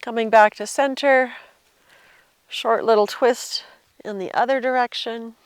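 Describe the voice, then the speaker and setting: Higher-pitched woman guiding a yoga class. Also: steady tone, unhurried, clean tone, no room sound. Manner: gentle cueing while demonstrating the poses herself. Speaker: yoga instructor. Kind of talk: guided yoga class instruction.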